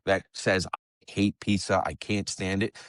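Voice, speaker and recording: Low-voiced New man chatting. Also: unhurried, clean tone, dry recording, studio quality. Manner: relaxed, conversational, swears casually. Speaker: guest, pizzeria owner. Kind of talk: casual podcast chat.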